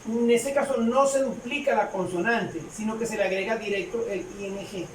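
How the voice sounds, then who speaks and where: A woman explaining a grammar rule to a class, halting often with fillers and repeating her phrases. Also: on the high side. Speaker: English teacher. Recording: echoey room, distant mic, faint noise.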